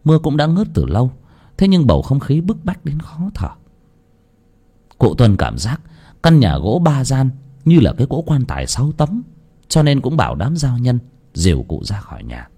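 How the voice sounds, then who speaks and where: A man's voice: medium pitch, huge pitch swings, normal speed, dark tone, slightly rough. A man narrating a horror story with dramatic, varied storytelling.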